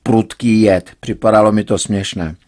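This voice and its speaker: A man's voice: lowish voice, fairly even intonation, darkish tone, close to an everyday voice. A stubborn young daughter answers in a light, cajoling tone, a little raised from the reader's own voice, as a male narrator puts her on. She coaxes rather than argues, in a storybook reading. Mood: coaxing.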